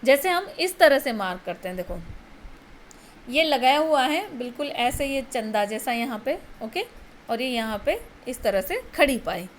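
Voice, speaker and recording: A woman's voice: high voice, very animated, normal speed, slight background noise. A woman college lecturer with an Indian English accent explaining poetry to students, patient and explanatory, repeating key terms.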